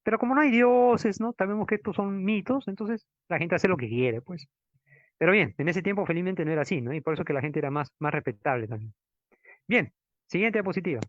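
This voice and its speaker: A man lectures on law in a teacherly way, dropping tag questions and slowing down to stress Latin terms. His voice sits fairly high. The recording is dull and dry, like a lo-fi classroom capture. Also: animated, no echo. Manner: didactic, frequent tag questions, stresses Latin words slowly. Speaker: law professor. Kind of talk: lecture with slides.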